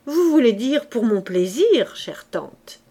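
A woman's voice: fairly high pitch, very animated, takes it slowly, mellow, heavily acted. Woman doing a jaunty young lieutenant. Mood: breezy. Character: breezy young army lieutenant, dashing nephew.

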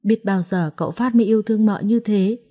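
A woman storyteller giving an expressive, dramatic scripted story narration. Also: medium pitch, fairly quick.

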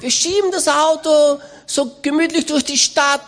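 A woman's voice: high-pitched, fairly even intonation, measured pace. A woman speaking a sermon as a voice-over, in an emphatic, exhorting way.

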